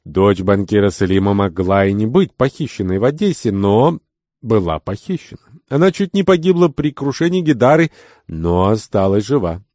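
A man reading an adventure novel aloud, narrating and voicing the dialogue himself, rising sharply in pitch and volume for angry lines. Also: big pitch swings, moderate pace, darkish tone, no room sound, studio quality. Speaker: audiobook reader. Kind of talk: scripted narration with character dialogue.

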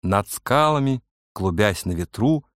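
A man narrating an adventure story in a measured storytelling reading. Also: on the low side, animated, a bit bright, no echo. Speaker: audiobook narrator. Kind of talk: scripted narration.

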